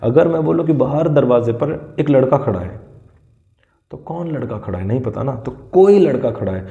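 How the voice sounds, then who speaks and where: A man with an Indian accent teaching English grammar in a casual lesson, patiently repeating example sentences slowly. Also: medium pitch, animated, creaky, dark tone, roomy sound, lo-fi sound.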